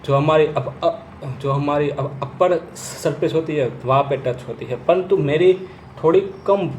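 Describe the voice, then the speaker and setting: A man gives a slow, deliberate lesson on stammering, often repeating the first sounds of words as he stammers. His pace is very unhurried, with long pauses. The room is roomy and echoey, with a faint hum of ambience behind him. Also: fairly high pitch, a little mellow. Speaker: stammering coach. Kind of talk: instructional talk to camera.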